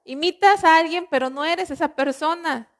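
A high-pitched woman with a Mexican Spanish accent delivers a sermon. She teaches earnestly, poses rhetorical questions to her listeners and draws out the scripture verses slowly. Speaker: preacher.

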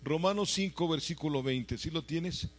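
A man preaching a sermon who keeps asking his congregation rhetorical questions, swinging between loud emphatic lines and quiet low ones. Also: normal speed. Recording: faint mains hum behind the voice.

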